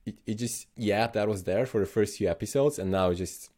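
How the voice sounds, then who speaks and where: A man from Slovenia with a low, mellow voice chats on a podcast. He talks thoughtfully, stopping and restarting his sentences as he works out what he means. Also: brisk. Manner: thoughtful, many restarts and self-corrections. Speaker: podcast host. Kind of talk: casual podcast chat.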